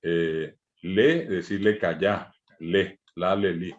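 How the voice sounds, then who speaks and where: Deep-voiced Paraguayan teacher, patient. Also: male voice, steady tone, takes it slowly, lo-fi sound. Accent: Paraguayan Spanish. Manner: explains patiently, repeating example words, frequent eh fillers. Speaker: language teacher. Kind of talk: online language class.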